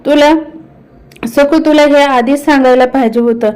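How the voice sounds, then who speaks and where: A woman's voice: high-pitched, steady tone, normal speed, a little mellow, lightly acted, rough recording. Woman reading as an ashamed village husband. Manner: rustic village speech.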